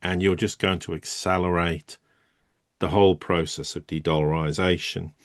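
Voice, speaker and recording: A man's voice: sits low, steady tone, normal speed, no room sound, studio quality. A man, co-hosting and giving emphatic, rambling geopolitical commentary. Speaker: co-host.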